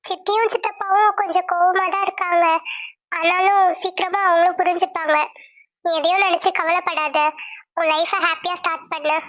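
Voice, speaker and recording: A reassuring young woman in a cartoon serial, who calms her worried cousin. Her voice is very high and light, and she speaks gently throughout. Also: fairly quick. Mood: soothing. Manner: soothing, comforting.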